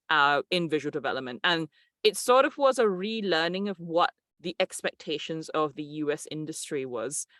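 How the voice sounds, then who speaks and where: A man's voice: on the high side, fairly bright tone, no room sound, clean studio sound. A man, a game producer answering interview questions in an articulate, explanatory way. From Malaysia.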